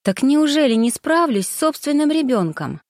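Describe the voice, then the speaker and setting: A woman's voice: high-pitched, sing-song, normal speed, a little mellow, no room sound, voice pushed up. Young emotional woman, anxious but resolute, voiced by a woman narrator; dry, close read. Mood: resolving. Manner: emotional, tearful, then resolute. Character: young anxious pregnant woman, later a doting mother. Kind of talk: audiobook character voice.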